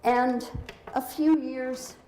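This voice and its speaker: A woman's voice: high voice, fairly even intonation, drawn-out words. Woman speaking in a big echoing hall. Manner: conversational, explains pictures one by one. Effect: big hall echo through a loudspeaker. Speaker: author giving a slide talk. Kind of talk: lecture presentation. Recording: echoey hall with faint noise.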